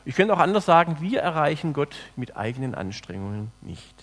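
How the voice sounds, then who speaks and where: Preacher with a reverberant hall sound. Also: male voice, sing-song, brisk. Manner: dramatic swings between loud emphasis and soft low phrases. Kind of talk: sermon.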